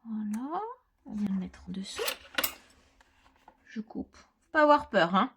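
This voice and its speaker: A woman's voice: mid-range voice, animated, measured pace, noisy background. Chatty woman talking through a craft project. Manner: chatty, explains while working, with quiet muttered asides. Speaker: crafter presenting a scrapbooking tutorial. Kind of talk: casual step-by-step craft tutorial.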